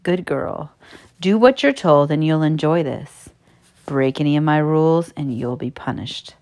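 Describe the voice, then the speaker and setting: A woman reading an erotic story, voicing a dominant man who gives quiet, slow commands. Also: sits low. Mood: stern, hushed.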